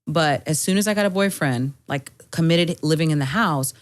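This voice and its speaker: A woman's voice: deep voice, normal speed. A woman talking as a guest in a casual podcast chat, open and agreeable, telling stories at length. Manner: open, agreeable, chatty storyteller.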